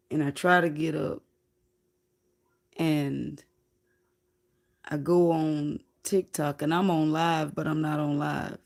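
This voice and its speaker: A woman livestreaming, telling a spiritual story in a slow, reflective, casual way with some swearing. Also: low-pitched, creaky, a little mellow.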